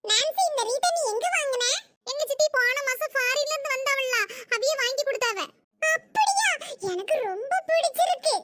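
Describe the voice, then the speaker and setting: A woman voicing a bossy, chatty little village girl in a cartoon, speaking in a bright, squealing, teasing way. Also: very high voice, animated, normal speed, background noise. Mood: bossy chatter.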